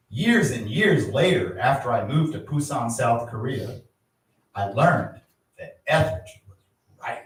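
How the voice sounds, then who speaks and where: Older male poet, live memoir reading, measured delivery with sudden dramatic lifts, heard from a distance in a very reverberant space. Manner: measured storytelling with dramatic swells of pitch and volume. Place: art space, live event. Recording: very echoey room, voice from far off.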